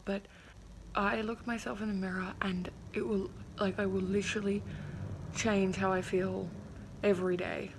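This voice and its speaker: A woman's voice: mid-range voice, slight background noise. A woman in her twenties talking with a sore, puffy jaw that slightly impedes her speech, in a casual, candid and hesitant video diary. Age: 20s. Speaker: vlogger.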